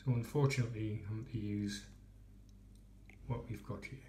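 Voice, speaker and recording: The recording is very noisy: an Englishman with a lowish, fairly even voice at normal speed chats through a beer tasting. He reviews the beer in a rambling, self-deprecating way on a handheld phone video indoors.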